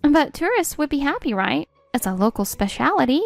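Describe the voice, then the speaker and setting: A woman's voice: high voice, sing-song, moderate pace, vocal fry, soft background music, heavily acted. A woman voicing an eager, polite young woman in a comic dub. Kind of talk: comic dub character acting.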